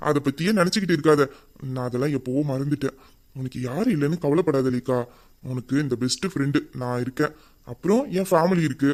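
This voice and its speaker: A man's voice: fairly high pitch, darkish tone, natural voice. A man voicing a young man in an audio drama who patiently comforts and reassures his tearful best friend. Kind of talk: emotional audio drama acting.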